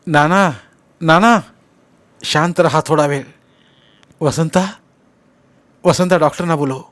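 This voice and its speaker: A man's voice: a little high, fairly even intonation, moderate pace, no room sound, voice pushed up, close to an everyday voice. Male narrator doing an anxious young man, urgent and soothing, slightly raised voice. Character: young man, anxious son calming elder.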